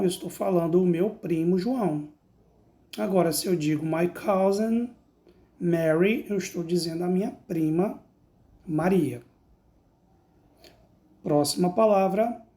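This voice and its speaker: A woman with a Brazilian Portuguese accent teaching English vocabulary, saying each word slowly and repeating it before translating. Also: lowish voice, mellow. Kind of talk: slow explanatory lesson.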